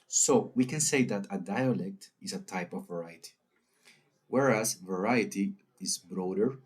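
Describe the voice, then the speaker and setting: A man narrating a recorded lesson in a deliberate way, with fillers. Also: sits low. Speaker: teacher.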